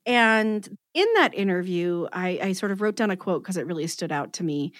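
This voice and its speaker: A woman hosting a casual podcast interview, chatty and animated, with self-deprecating humor. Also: on the low side, moderate pace, no echo. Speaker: podcast host.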